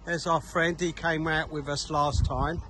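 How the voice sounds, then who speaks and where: A man's voice: on the high side, little pitch movement, a little slow. A middle-aged man chatting as a vlog host from a small sailing boat at sea, jokey and self-mocking, filming himself on a phone at arm's length. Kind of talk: casual vlog chat. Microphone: phone camera at arm's length. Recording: wind and water noise.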